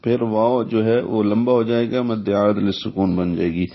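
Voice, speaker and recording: A man teaching the rules of Quran recitation, explaining slowly and methodically and pausing to recite example verses. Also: on the low side, flat delivery. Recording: dull lo-fi recording.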